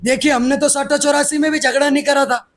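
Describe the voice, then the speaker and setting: A man's voice: very high-pitched, fairly even intonation, fast, fairly bright tone. A man, speaking aggressively and defiantly as the guest in a heated political interview. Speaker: interviewee, activist.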